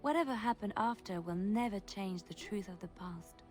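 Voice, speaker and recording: An actress playing a gentle, romantic young woman companion in a video game, speaking in a reflective, poetic way. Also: mid-range voice, moderate pace, soft background music, close to an everyday voice. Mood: wistful, reflective. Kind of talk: video game dialogue acting.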